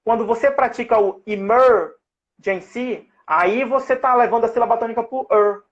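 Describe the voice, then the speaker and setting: Hosting a live interview through an online call, this Brazilian safety-at-work English teacher talks fast in a very high-pitched, steady voice. The sound is lo-fi, and his didactic explanations are full of fillers and restarts.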